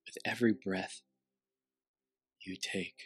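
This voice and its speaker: Low, slow male meditation guide, close up. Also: flat delivery, faint music behind. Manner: slow, soothing delivery with long pauses.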